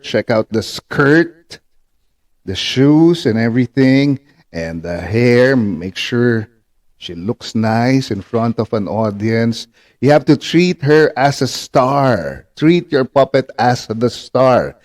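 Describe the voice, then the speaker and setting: A man's voice: mid-range voice, animated, slow, darkish tone. A man giving an instructional demonstration as a teacher, patient and repetitive, often checking in with short tag questions. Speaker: ventriloquism instructor.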